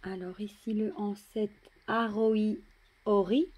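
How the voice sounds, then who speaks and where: A French woman casually showing and admiring tarot cards, chatty, often dropping to a soft murmur. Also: mid-range voice, fairly even intonation, slow, slightly rough. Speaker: tarot deck reviewer. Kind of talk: casual show-and-tell.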